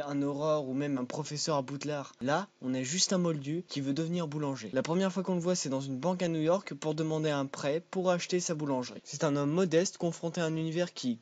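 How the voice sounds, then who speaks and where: A man's voice: on the high side, darkish tone, no room sound. A young man hosting a comic film review video, irreverent and crude in his jokes.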